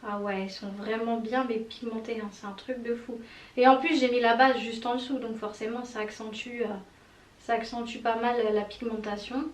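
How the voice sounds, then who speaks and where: Woman, makeup tutorial, chatty, gushing, slightly high voice, echoey room, mic a bit far off. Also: level tone, normal speed. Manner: chatty, enthusiastic, many fillers and little exclamations. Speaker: beauty vlogger. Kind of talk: casual makeup tutorial commentary. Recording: roomy echo, mic at a distance, faint noise.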